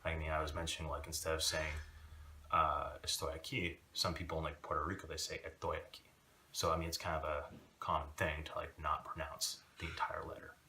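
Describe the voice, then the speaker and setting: A man giving a casual video lesson, talking in a relaxed, rambling way with many fillers. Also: extremely low pitch, fairly quick, recorded from a distance. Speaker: language teacher.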